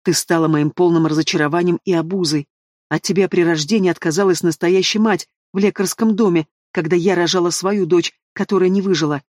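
A man's voice: high-pitched, fairly even intonation, brisk, darkish tone, no room sound, clean studio sound, lightly acted. A man voicing a spiteful, scheming middle-aged stepmother in an audiobook, speaking with venomous hatred. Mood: hateful. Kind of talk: audiobook character voice.

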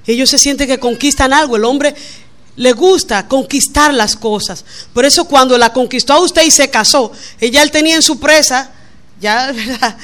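A middle-aged woman preaches to her congregation in a high, bright, forceful voice. She is lively and playful, acting out everyday quotes in between her points. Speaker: pastor. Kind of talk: sermon. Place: church.

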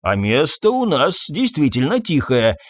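A man voicing an agitated scientist who talks in excited, indignant outbursts. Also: fairly high pitch, measured pace, no room sound, studio quality, full character voice. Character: agitated male scientist, middle-aged, easily flustered.

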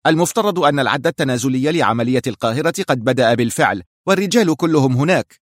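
A man's voice: mid-range voice, animated, fast, no room sound, studio quality, lightly acted. A man voicing a tense woman spy chief who answers back in short, irritated lines. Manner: clipped, irritated. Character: tense, sharp-tongued woman spy boss.

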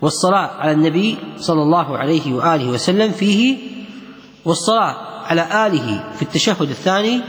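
Male teacher, high animated voice, repeats himself, echoey hall with long reverb. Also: fast. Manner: repeats key phrases, counts along with students. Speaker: religious teacher. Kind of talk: explaining a religious text in a class.

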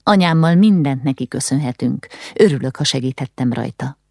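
A woman voicing a calm, capable young stable boy who explains things plainly. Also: extremely low pitch, creaky, dry recording, studio quality, full character voice. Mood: modest. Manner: calm, matter-of-fact.

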